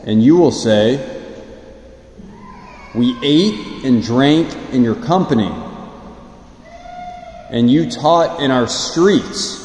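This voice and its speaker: A man, a priest, reading the Gospel and preaching a homily in a large church, speaking slowly and measuredly with loose fillers as he preaches, his voice carried on a long church echo. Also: mid-range voice, expressive, a little mellow, slight background noise. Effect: echoing church reverb. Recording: roomy hall with long reverb.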